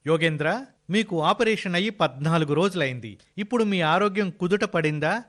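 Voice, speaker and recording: A man's voice: high voice, lively intonation, a little fast, fairly bright tone, soft background music. A man playing a kind hospital doctor who explains things earnestly.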